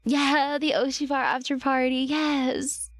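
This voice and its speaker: A woman's voice: sits high, steady tone, a little slow, dry recording. A woman livestreamer chatting casually and affectionately with her viewers, her voice slightly strained and recovering.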